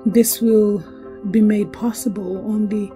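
A woman's voice: mid-range voice, fairly even intonation, unhurried. Earnest woman over a music bed. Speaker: social worker. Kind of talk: personal testimony.

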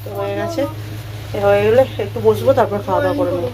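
A woman's voice: mid-range voice, racing, a crowd in the background. A woman chatting casually through a home vlog, talking through her chores and cooking as she goes. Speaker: vlogger. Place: home kitchen. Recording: noisy room with frying sounds.

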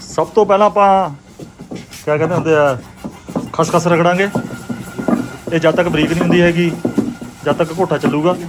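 A man's voice: fairly high pitch, steady tone, moderate pace, pauses often, background noise. A man with a Punjabi accent giving casual, hearty vlog commentary and bantering with his companions. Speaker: vlogger hosting. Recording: chatter of a group behind.

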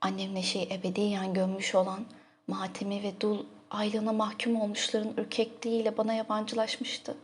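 A woman narrating a literary audiobook in a soft, intimate, emotive manner. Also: mid-range voice, monotone, moderate pace, a little hiss or hum.

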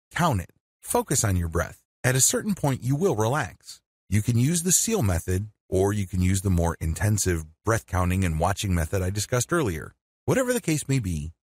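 A man giving scripted instructional narration as a meditation teacher, speaking in a measured, deliberate way. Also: on the low side, breathy edge, no echo, studio quality.

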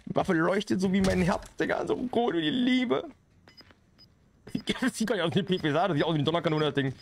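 A young man livestreaming a shooter game, talking in slang, greeting viewers and getting excited at the action. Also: sits high, fast talker. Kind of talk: live gameplay commentary. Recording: game sounds and noise behind. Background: game sound effects, vehicle noise.

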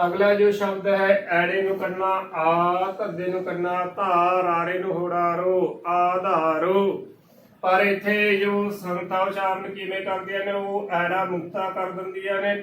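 Slow, high-voiced man teaching pronunciation. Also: fairly bright tone, a little hiss or hum. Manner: drawn-out, syllable by syllable. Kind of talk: slow spelled-out pronunciation lesson. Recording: roomy and distant with faint ambience.

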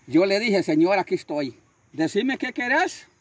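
Fervent older preacher, husky voice. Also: male voice, high voice, big pitch swings, measured pace, no echo. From Honduras. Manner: fervent, repeats phrases, acts out voices in his story. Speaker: street preacher. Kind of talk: storytelling interview.

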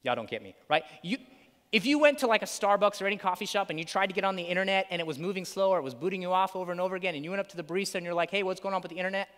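A man preaches in a loose, conversational way, tossing in "right?" and acting out little scenes. His voice sits a bit high, and a long church reverb trails each phrase. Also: very fast. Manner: casual, conversational, full of "like" and "right?"; animated, acts out quotes. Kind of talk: sermon. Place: church sanctuary.

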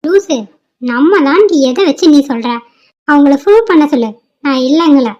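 Scheming young office woman in a cartoon, defiant, high voice, a woman playing her. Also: lively intonation, normal speed, a little mellow. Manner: defiant, dismissive. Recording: dull lo-fi cartoon audio.

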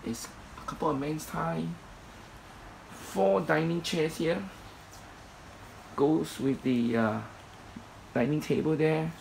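Man with a creaky voice listing storage contents. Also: mid-range voice, darkish tone, a little hiss or hum, low-quality recording. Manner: plain, matter-of-fact listing with many fillers. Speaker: storage unit seller. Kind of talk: walkthrough commentary. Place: indoor storage unit. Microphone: phone camera held in hand.

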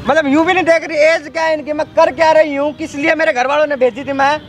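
A young man playing a nephew who loudly scolds and confronts a tenant. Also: very high voice, steady tone, fast, slight background noise. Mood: angry.

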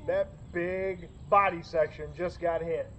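Standing by a lake in the rain, a middle-aged Northeast Ohio man with a local accent chats excitedly and cracks jokes as he films his fishing outing for his vlog. He speaks at a fairly high pitch and a measured pace. His camera sits on a stand inside a rain bag, leaving the outdoor audio muffled and noisy.

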